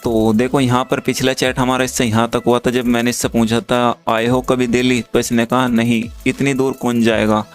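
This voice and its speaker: Young male host, flat delivery, smooth clear tone, reads chat messages as a casual story. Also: mid-range voice, moderate pace, few pauses, soft background music. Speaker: channel host. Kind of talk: casual narration of a chat screen recording.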